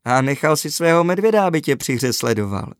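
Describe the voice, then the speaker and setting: A man voicing a caring mother in a children's story, speaking calmly and soothingly to her son. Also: on the high side, smooth, dry recording, clean studio sound, pitched above the performer's own voice.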